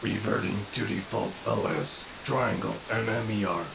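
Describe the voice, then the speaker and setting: An actor playing a glitching male robot villain in a video game, reading out halting, mechanical system announcements as it reboots. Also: lowish voice, fairly even intonation, vocal fry, background noise.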